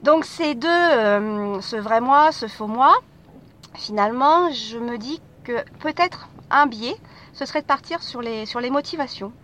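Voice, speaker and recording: Woman podcaster, casual street monologue, halting delivery, vehicles rumbling past. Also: a bit bright. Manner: hesitant, many fillers and restarts. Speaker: podcast host. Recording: street noise with passing vehicles.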